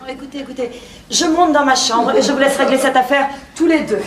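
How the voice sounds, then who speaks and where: An actress playing a composed, ironic hostess in a live stage farce, measured and cutting. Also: female voice, high voice, a crowd in the background, close to an everyday voice. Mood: haughty. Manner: measured, cutting, drawn-out irony. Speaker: stage actor. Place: theater stage with live audience. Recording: roomy theater with background noise.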